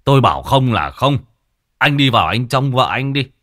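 A man voicing a stubborn, gruff old father, who scolds curtly and swears. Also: mid-range voice, brisk, pushed and bright, voice pushed up, natural voice. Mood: gruff scolding. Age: older. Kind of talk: story narration with acted voices.

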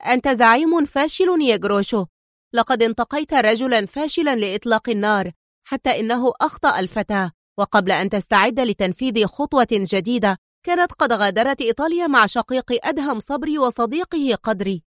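A woman's voice: animated, brisk, no echo, studio quality. Woman playing a furious, defiant female spy. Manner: furious, high-pitched, shouting. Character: fierce defiant female spy in her prime.

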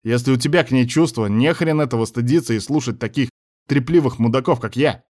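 A man's voice: mid-range voice, a little fast, darkish tone, pitched above the performer's own voice, lightly acted. A male reader voicing a crude, leering drunk man at a club who drawls his words.

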